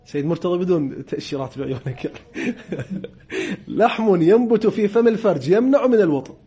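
Brisk, high-voiced Iraqi man teaching. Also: expressive, mellow. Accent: Iraqi Arabic. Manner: explains, repeats definitions slowly, jokes with students. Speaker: religious law teacher. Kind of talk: seminary lecture.

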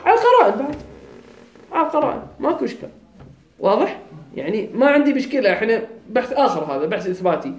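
In an echoey classroom, a male grammar teacher with a Kuwaiti Arabic accent lays out his lesson point by point. His very high, sing-song voice bounces up and down as he pauses repeatedly to confirm his students are keeping up.

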